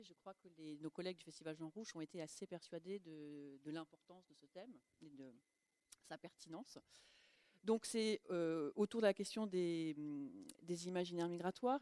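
A woman's voice: fairly low pitch, dark tone. A woman university lecturer speaking as a radio guest, hesitating and restarting often. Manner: hesitant, many fillers and restarts. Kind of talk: radio panel talk.

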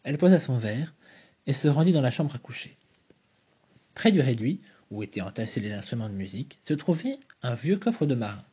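A man reading a novel aloud in a soft, measured way, home-recorded. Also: medium pitch, very animated, slightly rough, lo-fi sound. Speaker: reader.

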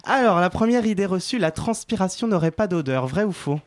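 A man's voice: sits high, lively intonation, a little fast, no echo. A man giving a playful health column on the radio, chatty and joking, laughing often in a studio. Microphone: studio microphone.

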